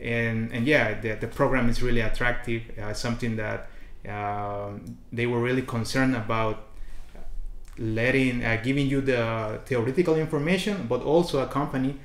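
Speaking at medium pitch and a moderate pace, this international student guest is a young man from Honduras whose native Spanish shows in his Honduran accent. In a casual interview in a small, colorful indoor lounge with an echoey sound, he tells stories animatedly, restarting often and using many fillers.

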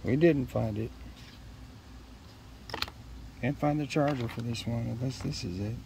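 A middle-aged man with a mid-range voice and vocal fry talks fairly quickly while unboxing gear outdoors. It's a casual, unscripted chat in a leafy yard, where he muses to himself in short, hesitant fragments over background outdoor noise.

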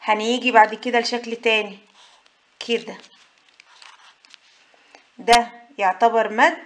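A woman with an Egyptian Arabic accent, her voice sitting a little high, teaches a step-by-step lesson. She poses a question and then answers it herself in a patient, explaining way. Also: steady tone, unhurried. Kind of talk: whiteboard lesson for mothers.

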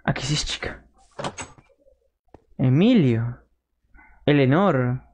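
Excitable male gaming streamer. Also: fairly high pitch. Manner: excitable, yelps and shrieks in panic; chats with live viewers. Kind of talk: live gameplay commentary.

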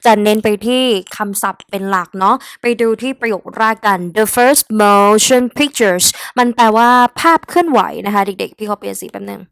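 A woman's voice: medium pitch, moderate pace, creaky, hardly any pauses, fairly bright tone, smooth, no echo. A young woman with a Thai accent, teaching English vocabulary in a chatty way and addressing her students directly. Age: young adult. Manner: chatty, talks straight to the students as "kids", mixing English words into her lesson. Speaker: English tutor. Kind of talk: exam-prep vocabulary lesson.

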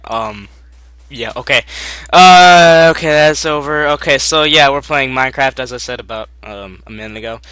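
A man's voice: medium pitch, moderate pace, bright, forceful tone, smooth, no echo. A young man casually commentating his game, goofy and bickering, full of fillers and laughs. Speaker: gaming commentator. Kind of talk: casual Minecraft commentary with a friend.

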